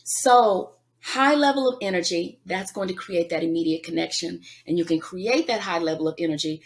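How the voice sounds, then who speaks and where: Woman, podcast interview guest, emphatic, lively, coaching delivery. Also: fairly low pitch, normal speed. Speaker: guest speaker. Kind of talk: energetic advice in a podcast interview.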